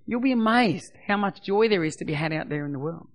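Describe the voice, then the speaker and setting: This sermon comes from a middle-aged pastor whose high, somewhat croaky voice is expressive and fairly quick. Emphatic and repetitive, he lowers to a gentle voice whenever he prays.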